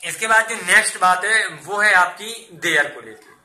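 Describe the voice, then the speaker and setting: A man's voice: sits high, normal speed, sharp tone, echoey room. A man teaching English grammar in a classroom lesson, explaining step by step and asking and answering his own questions.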